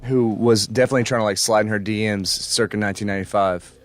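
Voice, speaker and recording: A man's voice: fairly low pitch, fairly even intonation, fast, faint music behind. A man co-hosting a podcast, joking and laid-back while commenting on a film. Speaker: podcast co-host. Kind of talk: casual movie commentary.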